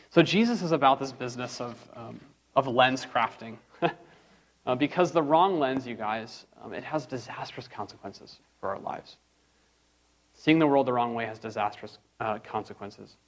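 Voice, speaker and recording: Casual man teaching from scripture. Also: mid-range voice. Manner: conversational, with frequent fillers and asides. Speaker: pastor teaching a class. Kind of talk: casual sermon-style teaching.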